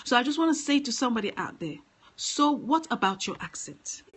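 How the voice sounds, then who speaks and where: A woman with a fairly high voice gives an earnest motivational talk. She speaks with emphasis and comes back to her main lines again and again to drive them home. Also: very animated, fairly quick, husky, rough recording. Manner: earnest, emphatic, repeats key phrases.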